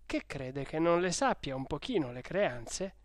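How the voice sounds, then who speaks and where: A man's voice: on the high side, very animated, measured pace, dry recording, studio quality. A man voicing a simple, emotional middle-aged peasant mother who speaks plaintively and artlessly.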